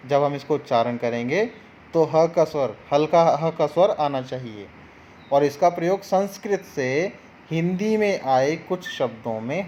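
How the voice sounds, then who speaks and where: A man's voice: fairly high pitch, darkish tone, highs cut off, slight background noise. A man teaching an online grammar lesson, patient and explaining each sound one by one.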